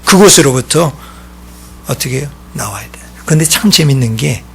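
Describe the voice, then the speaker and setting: A man preaching a sermon as pastor, swinging between loud exclaiming and hushed whispering. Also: medium pitch, animated, normal speed, creaky, a little hiss or hum.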